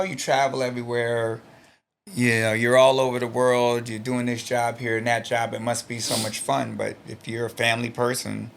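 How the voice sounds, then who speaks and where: A man's voice: lowish voice, vocal fry, a bit bright. A middle-aged man, a stunt performer being interviewed, who reads from an old journal and then talks about it in a blunt, earnest and emotional way, swearing freely. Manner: emotional, close to tears.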